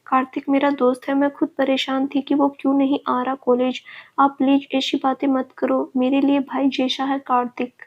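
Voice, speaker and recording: A woman's voice: high voice, monotone, moderate pace, close to an everyday voice. A woman voicing a desperate young woman who pleads and insists through tears. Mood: pleading, tearful. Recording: dull lo-fi recording.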